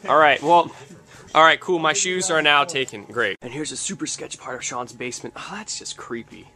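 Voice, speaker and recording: Faint music plays behind a young man's high-leaning, bright, forceful voice as he moves at a moderate pace through a handheld vlog tour. He chats and jokes enthusiastically, filming a basement and a snowy nighttime street from arm's length.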